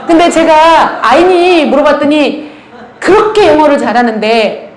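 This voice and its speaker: A woman's voice: sits high, measured pace. A middle-aged woman giving a church training talk, telling stories with lots of laughter. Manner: animated storytelling with frequent laughter. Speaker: church ministry lecturer. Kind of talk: lively anecdotal talk to a church audience. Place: church lecture hall. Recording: roomy hall with faint ambience.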